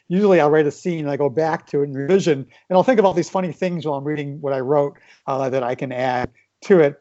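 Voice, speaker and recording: A man's voice: fairly high pitch, warm tone. A man from the Midwest, a children's book author, chatting loosely in an interview, self-deprecating and full of fillers. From American Midwest. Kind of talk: casual interview. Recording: dull lo-fi sound.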